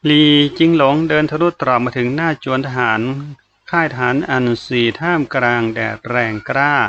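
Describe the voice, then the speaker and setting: A man's voice: mid-range voice, creaky, fairly bright tone, dull audio, a little hiss or hum. Man narrating a fantasy novel. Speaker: audiobook narrator.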